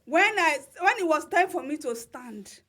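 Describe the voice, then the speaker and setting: A Nigerian-accented woman, appearing as a podcast guest in a casual interview, tells a personal story emphatically, repeating phrases and laughing throughout. Her voice is high and animated with a sharp tone at a moderate pace.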